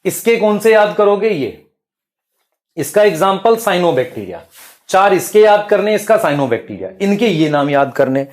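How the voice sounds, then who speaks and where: A man's voice: sits high, very animated, normal speed. A male biology teacher, explaining at the board and quizzing students with rhetorical questions. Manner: addresses students as beta and bhai.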